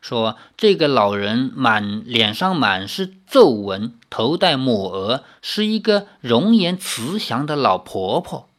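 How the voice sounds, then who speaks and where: Expressive novel narrator, lively intonation. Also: mid-range voice, slow pace, hardly any pauses. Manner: expressive storytelling with asides. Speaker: audiobook narrator. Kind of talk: novel read aloud.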